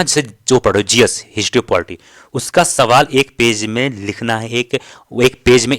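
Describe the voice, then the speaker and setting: A man's voice: mid-range voice, a bit bright, no room sound, clean studio sound. A man teaching a study strategy lesson for an entrance exam, speaking directly, repeating key points and checking in with the listener often.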